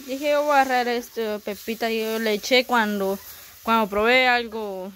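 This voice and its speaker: A woman with a slightly higher voice chats casually beside the cook and adds her own tips and stories. She is recorded outdoors, with faint frying sounds behind her. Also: steady tone, moderate pace, fairly bright tone, slight background noise. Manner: chatty, adds tips and anecdotes. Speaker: helper joining the cook. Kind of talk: casual conversation.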